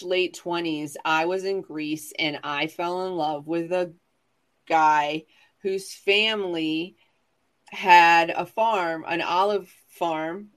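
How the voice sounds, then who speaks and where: A man in his forties with a high-pitched, somewhat bright voice tells casual comic stories as a chat show guest. He's sassy, dramatic and self-mocking.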